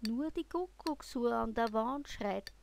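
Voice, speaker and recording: Viennese lady reciting a dialect poem, kinda high voice, some noise behind. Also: measured pace, a little mellow.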